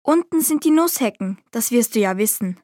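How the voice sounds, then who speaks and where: Innocent trusting little girl, high and guileless, voiced by a woman for a storybook read. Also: expressive, moderate pace, no echo, studio quality, close to an everyday voice. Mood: earnest. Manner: bright, earnest and guileless.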